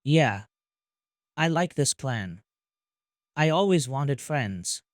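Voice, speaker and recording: Man reading little boy, eager and anxious, slow, dry close sound, storybook. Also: mid-range voice, animated, no echo. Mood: hopeful. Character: small anxious boy craving friends.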